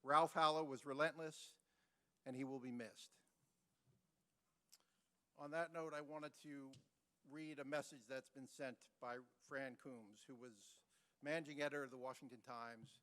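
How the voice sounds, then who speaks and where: A man, a newspaper editor, giving a measured and formal eulogy at a memorial service, with a dry joke. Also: mid-range voice, steady tone, pushed and bright. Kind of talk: memorial speech.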